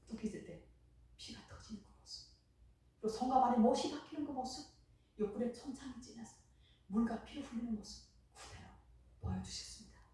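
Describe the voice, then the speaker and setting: A woman missionary from Korea, giving an impassioned church testimony that swings between hushed and loud. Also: a little high, slight background noise. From North Korea. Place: church sanctuary. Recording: very echoey hall, mic far off.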